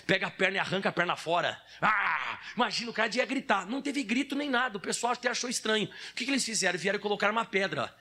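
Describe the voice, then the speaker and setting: This is a high-voiced Brazilian pastor preaching a sermon with dramatic, emphatic storytelling. His tone is bright and forceful, and he acts out sound effects as he goes. He speaks with a Brazilian Portuguese accent and addresses his listeners as brother. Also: lively intonation, very fast, few pauses.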